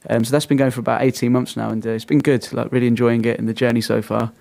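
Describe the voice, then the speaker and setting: A young man talks quickly as a guest on a sports radio show. He tells his story eagerly, with plenty of ums and uhs. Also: medium pitch, little pitch movement, creaky, a little mellow, dry recording. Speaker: guest, football coach. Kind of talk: casual radio interview.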